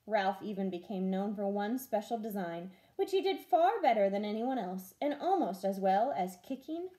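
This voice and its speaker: In an expressive storytelling style, a woman teacher reads a children's storybook aloud at medium pitch and a moderate pace.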